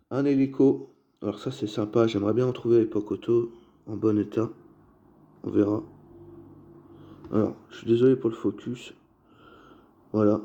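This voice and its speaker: A man with a low, dark and mellow voice talks casually through his latest collection finds, chatty and loose with plenty of fillers. He speaks straight to his viewers like friends. The sound is dull and lo-fi, like a phone recording. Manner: chatty, filler-heavy, addresses viewers as "les gars". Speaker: toy car collector showing flea-market finds. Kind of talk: casual show-and-tell vlog.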